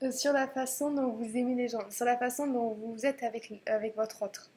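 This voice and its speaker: A woman's voice: on the high side, fairly even intonation, takes it slowly, a little mellow. A woman giving a casual tarot reading to camera, chatty and hesitant, with many fillers and restarts. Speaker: tarot reader.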